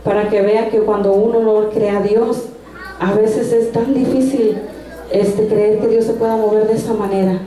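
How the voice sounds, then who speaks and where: A woman's voice: mid-range voice, steady tone, moderate pace, dark tone. A woman giving a personal faith testimony at a church service, telling it earnestly with frequent restarts. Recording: echoey room sound.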